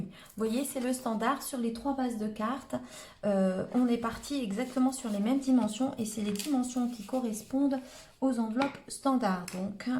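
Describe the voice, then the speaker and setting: A woman with a Hauts-de-France accent, from northern France, keeps up a chatty narration of each step in a live crafting demo, often saying "hop" and "voilà." Her voice is on the high side with a darkish tone. The recording has a roomy echo and a little hiss or hum.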